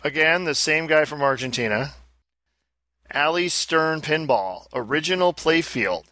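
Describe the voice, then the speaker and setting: A man with a slightly high, bright voice co-hosts casually. He moves between reading out listings and offhand comment. The sound is very dry. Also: expressive, unhurried, no echo. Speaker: podcast co-host.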